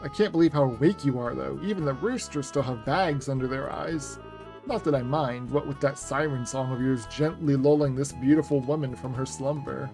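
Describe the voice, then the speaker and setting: A man reading aloud the lines of a smooth-talking teenage boy from a game, into a headset. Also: mid-range voice, normal speed, over music, close to an everyday voice. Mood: teasing.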